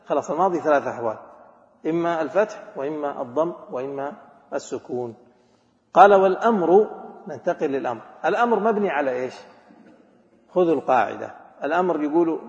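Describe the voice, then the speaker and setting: A grammar teacher with a somewhat high male voice leads a class, firing questions at his students and repeating examples. His voice rings through a large echoing hall with a long reverb tail. The recording sounds dull and lo-fi. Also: a little mellow. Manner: mixes formal Arabic with colloquial speech. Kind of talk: classroom lecture on a grammar text.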